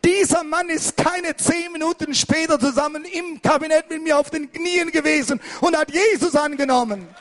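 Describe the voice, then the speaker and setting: An older man preaching an impassioned sermon as pastor, hurried and fervent, at times rising to a shout. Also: extremely high pitch.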